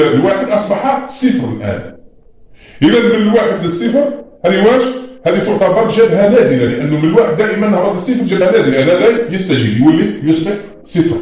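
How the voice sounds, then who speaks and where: A man's voice: sits high, a little mellow. A man teaching a lesson, patiently explaining at a board and often telling students to look closely. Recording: very echoey room.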